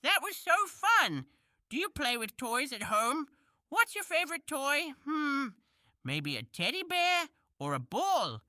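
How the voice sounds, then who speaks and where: A woman voicing a cheerful young male kitten in a preschool cartoon, talking slowly and sing-song to small children. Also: high voice, big pitch swings, bright, forceful tone, dry recording, studio quality, heavily acted.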